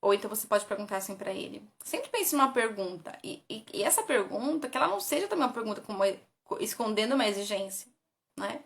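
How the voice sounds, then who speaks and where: Talking fast in an animated, medium-pitched voice, a woman with a Brazilian Portuguese accent shares parenting advice. She's an educator, casual and conversational, reading from notes and frequently tagging her sentences with "né?"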